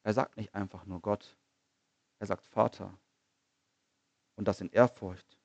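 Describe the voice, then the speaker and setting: An earnest man delivers a sermon in a fairly low voice, building his points with rhetorical questions and repeated phrases. He slows down to stress key lines. The recording is close and dry, with a slightly dull, muffled tone. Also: fairly even intonation, gravelly, darkish tone, no room sound. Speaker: preacher.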